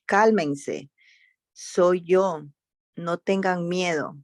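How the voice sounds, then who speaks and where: Calm grown teacher figure read by a woman, low and unhurried, dry sound. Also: dry recording.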